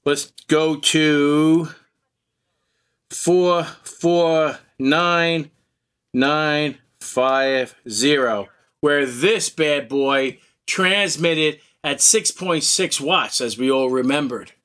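A man's voice: a little high, steady tone, extremely slow, a bit bright, clean tone. Blunt man demoing radio gear. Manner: blunt, emphatic, salty. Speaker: radio hobby video host. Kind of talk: casual demo talk.

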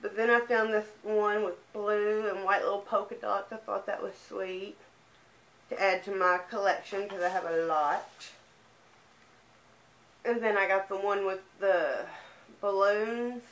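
A woman's voice: medium pitch, steady tone, fairly bright tone. A young woman with a lisp and a speech impediment, chatting casually as she shows off items from a shopping haul. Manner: chatty, easygoing, unhurried show-and-tell. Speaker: vlogger. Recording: echoey room.

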